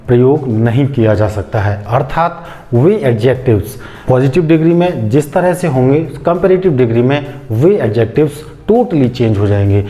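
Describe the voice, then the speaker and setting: A man, an English teacher explaining grammar slowly, step by step, and asking rhetorical questions as he goes. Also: mid-range voice, dark tone.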